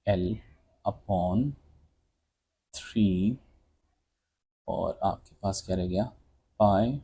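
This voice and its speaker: Guy teaching physics, slow and kinda husky, talks you through each step. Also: on the low side, dark tone. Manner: explains step by step, calls students beta and bhai. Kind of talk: exam solution walkthrough lesson.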